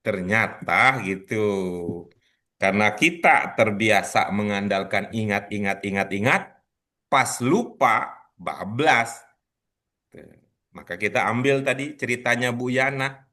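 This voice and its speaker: A man leads an online class over a video call, talking casually and joking with the students. His voice is lowish and bright, with a forceful edge. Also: slow pace, long pauses. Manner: chatty, teasing, laughs often. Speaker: teacher.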